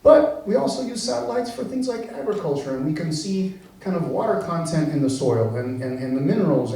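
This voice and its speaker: A man giving a conversational science lecture, easygoing and full of "uh" and "you know." His voice is mellow and dark. He was recorded from a distance in a large hall that rings with echo. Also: on the high side. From born in the US, raised in Venezuela. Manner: relaxed, conversational, many fillers and restarts. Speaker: engineering professor giving a talk. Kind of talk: public science talk. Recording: very echoey room, mic far off.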